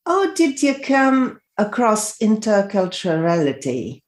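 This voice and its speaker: A woman hosting a podcast who reads a formal introduction and asks interview questions at a measured pace. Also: mid-range voice, very animated, roomy sound. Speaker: podcast host.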